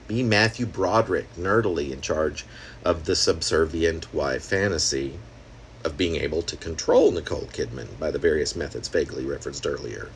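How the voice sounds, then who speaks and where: A low-pitched male voice with a slight hiss or hum in the background. A poet reads his own experimental prose poem aloud, sounding conversational and wry as he slips in asides and rhetorical questions.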